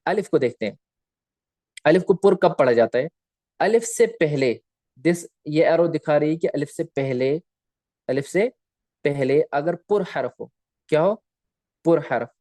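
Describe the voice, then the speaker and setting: A man with a fairly high voice gives a recitation lesson over slides. He puts questions to the class and answers them himself, and he stretches each example word out slowly. The sound is dry and close. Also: lively intonation, dark tone, dry recording. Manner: asks and answers his own questions, repeating key terms. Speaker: Quran recitation teacher. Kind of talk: recorded lecture with slides.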